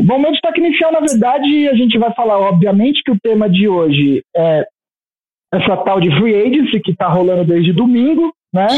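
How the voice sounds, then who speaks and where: A Brazilian man co-hosting a podcast, explaining things casually in a halting way over a thin, tinny connection. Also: very high-pitched. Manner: halting, hesitant delivery. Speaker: podcast co-host. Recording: tinny narrow-band remote connection.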